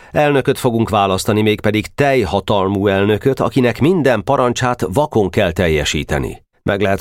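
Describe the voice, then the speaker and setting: A man's voice: fairly low pitch, no room sound, studio quality, close to an everyday voice. A man voicing a fair-minded boy captain who gives firm, orderly commands.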